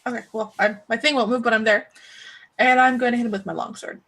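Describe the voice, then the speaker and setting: Woman at a tabletop game, kinda high voice, figuring out her turn out loud. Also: fairly even intonation, fast talker. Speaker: player. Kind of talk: casual tabletop game play.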